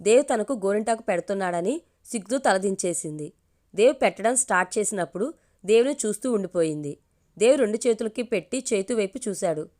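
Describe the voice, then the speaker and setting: A woman narrating a family story in a calm, steady storytelling voice. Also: medium pitch, fairly quick. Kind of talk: reading a family story aloud.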